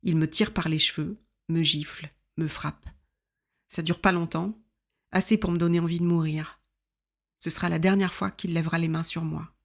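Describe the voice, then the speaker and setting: A woman in her fifties reading her own memoir aloud in an intimate, reflective, measured way. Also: low voice, steady tone, vocal fry. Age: 50s.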